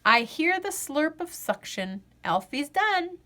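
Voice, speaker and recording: In a high-pitched voice, a woman reads a children's picture book aloud like a storyteller. Her phrasing is expressive and deliberate, and she draws out the refrains.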